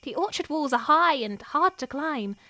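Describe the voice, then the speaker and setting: Woman acting young noblewoman in love, Shakespearean stage acting, wistful, hushed to impassioned, fairly high voice. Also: animated, normal speed, no room sound. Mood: longing. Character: young noblewoman, lovestruck and wary.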